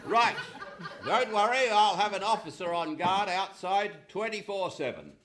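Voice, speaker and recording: An excitable high-pitched comic police inspector. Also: male voice, normal speed. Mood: officious. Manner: theatrical, exclamatory. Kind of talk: Goon Show comic radio theatre acting. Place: live performance in a hall. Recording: noisy live stage recording.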